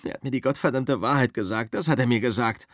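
A man's voice: mid-range voice, lively intonation, moderate pace, a bit bright, no room sound, clean studio sound, voice pushed up. A man reading an audiobook, voicing a bitter, hot-tempered male actor who rants and curses about his failing career. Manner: angry, cursing, ranting. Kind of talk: audiobook character voice.

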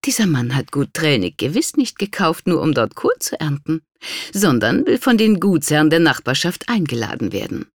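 A narrator doing a shrill, imperious noble lady. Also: big pitch swings, moderate pace, dry recording, studio quality. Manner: hissing whispers and shrill outbursts.

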